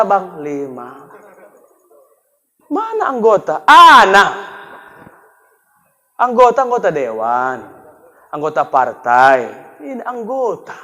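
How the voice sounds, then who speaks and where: A man's voice: very high-pitched, sharp tone. A man preaching a comic sermon, joking with the crowd and addressing them directly. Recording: echoey hall.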